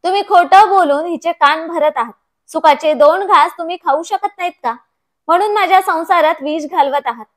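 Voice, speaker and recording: A woman's voice: extremely high pitch, moderate pace. A woman voicing a young married son who defends himself and blames his parents. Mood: defensive. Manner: defensive, accusing.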